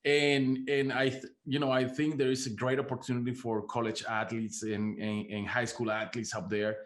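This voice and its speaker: In a casual podcast interview, a Venezuelan host speaks with a Venezuelan Spanish accent at a middling pitch and moderate pace. He is enthusiastic, repeats words as he goes and laughs often, though his delivery is flat.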